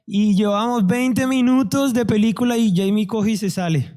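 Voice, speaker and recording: A man giving a church testimony, telling his story in a lively way and acting out what people said. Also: high voice, normal speed. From Colombia. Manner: animated storyteller, acts out dialogue. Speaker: testimony speaker.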